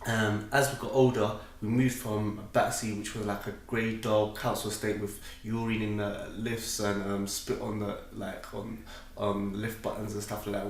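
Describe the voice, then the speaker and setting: A man's voice: fairly low pitch, vocal fry. A man with a South London accent giving an informal personal testimony in a hesitant, repetitive, slangy way. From South London, England. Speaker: speaker telling his conversion story. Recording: echoey room, distant microphone.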